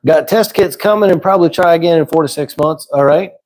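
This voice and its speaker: Quick-paced and fairly high-pitched, this man hosts an easygoing livestream despite his voice going. He's conversational and relaxed, working through questions viewers type in the chat.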